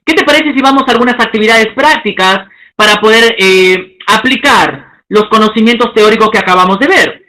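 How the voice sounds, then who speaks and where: A man teaching a lesson, stretching out example words slowly and checking in with the class. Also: high voice, pushed and bright, low-quality recording. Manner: slow, drawn-out spelling of example words; checks in with listeners, asking okay.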